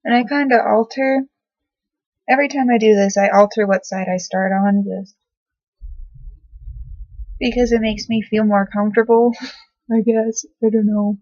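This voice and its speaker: A woman's voice: on the high side, steady tone, measured pace, pauses often, darkish tone, dry recording. Young woman rambling through her makeup routine. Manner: rambling, swears casually, many "like"s. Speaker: beauty vlogger. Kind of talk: casual makeup tutorial chat. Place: her bedroom. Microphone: laptop built-in mic. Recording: dull dry laptop mic audio.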